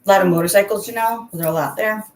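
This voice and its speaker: Here a woman races through her words in a medium pitch, hosting a chatty, relaxed livestream from inside a bathroom. She greets her viewers one by one by name, and the recording carries bathroom echo and clearly noticeable background noise.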